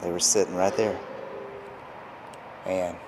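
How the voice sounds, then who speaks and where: A man, awed and hushed as he thinks aloud on a walking tour of an empty hotel suite. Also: deep voice, fairly even intonation, slow pace, noisy background. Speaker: travel vlogger.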